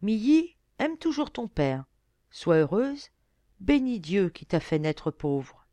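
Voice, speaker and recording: A woman's voice: mid-range voice, big pitch swings, slow, dark tone, no room sound, pitched above the performer's own voice. A woman reading aloud, voicing a brooding young nobleman who sounds bitter and resigned.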